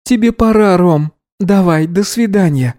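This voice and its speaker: A man reading an audiobook voices a sharp-tongued young woman who can turn into a panther, curt and defiant. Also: high voice, unhurried, pitched above the performer's own voice. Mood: angry.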